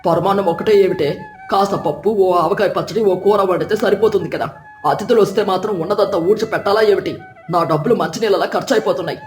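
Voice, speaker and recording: A woman's voice: mid-range voice, fast talker, voice pushed down, natural voice. A woman voicing a stingy village husband who grumbles and scolds. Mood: grumbling stingy. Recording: roomy, distant, with soft music.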